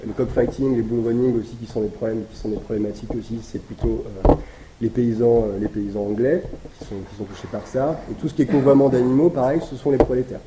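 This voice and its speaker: A man's voice: mid-range voice, steady tone, fast, background noise. Hesitant man lecturing in an echoey room. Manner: hesitant, many fillers and restarts. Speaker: academic speaker. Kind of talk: academic lecture.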